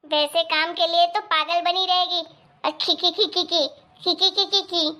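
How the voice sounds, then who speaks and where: Woman doing a cartoon mother-in-law, super high bright voice, snaps and threatens nonstop. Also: steady tone, unhurried, exaggerated voice. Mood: scolding. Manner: shrill scolding, threatening. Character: scolding short-tempered mother-in-law. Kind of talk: cartoon story voice acting.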